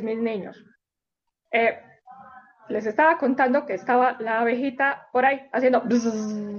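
A woman telling stories to young children in a sing-song way, repeating words for emphasis, on a dull lo-fi recording. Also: high-pitched. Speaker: children's storyteller and teacher.

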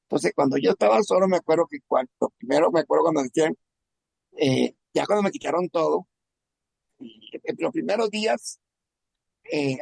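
Man, from Venezuela, gravelly husky voice, halting emotional testimony, repeats words. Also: fairly high pitch, a little mellow, dry recording. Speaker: testimony speaker. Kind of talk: personal testimony.

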